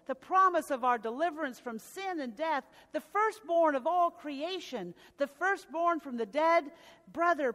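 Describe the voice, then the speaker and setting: A woman pastor delivers a storytelling sermon in a high voice. Her words ring out through a church with a long reverberation tail. She sometimes stops and restarts a phrase. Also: fairly bright tone. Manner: storytelling preaching with occasional restarts. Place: church sanctuary.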